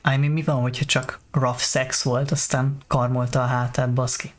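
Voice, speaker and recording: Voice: mid-range voice, level tone, moderate pace. A native Hungarian speaker doing casual, playful let's play commentary, reacting freely and swearing while switching between two languages. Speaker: gamer playing and commenting.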